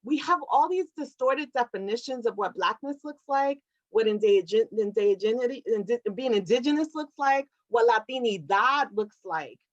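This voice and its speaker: Her voice sits on the high side, expressive and moderately paced with few pauses, though the audio sounds dull. She's an activist from Puerto Rico who won an award, answering a question in an online talk in an earnest, reflective way and often checking in with "right?".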